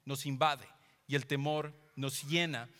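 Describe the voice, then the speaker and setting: A man's voice: medium pitch, fairly even intonation, measured pace, noisy background. A man preaching a sermon on a microphone in a church hall. He talks emphatically and repeats key phrases. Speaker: pastor. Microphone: handheld or stand microphone. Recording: long hall reverb.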